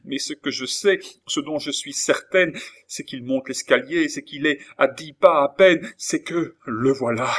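A man voicing a terrified young woman in an audiobook, pleading in a frantic, high voice. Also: measured pace, fairly bright tone. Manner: breathless, high-pitched frightened pleading. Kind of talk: audiobook character voice.

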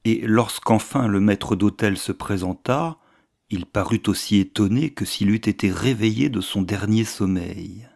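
Low-voiced man narrating a novel. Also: creaky, a little mellow. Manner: measured, literary. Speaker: audiobook narrator.

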